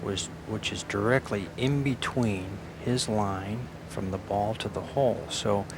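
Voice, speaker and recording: A man giving live golf commentary in a measured, analytical way, with short clipped phrases and pauses. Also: fairly low pitch. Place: outdoors at a golf tournament. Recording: noisy outdoor broadcast with crowd.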